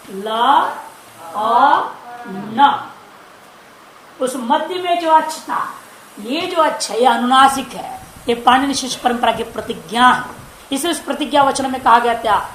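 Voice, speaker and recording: A teacher with a high, slightly bright voice gives a grammar lecture, posing questions to the class and answering them herself. The room has an echo, with faint background hiss.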